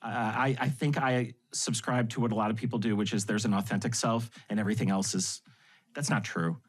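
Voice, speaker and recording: Man, podcast guest, low-ish voice, animated anecdotes, frequent laughter. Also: fairly quick, slightly rough. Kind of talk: anecdotal storytelling in conversation.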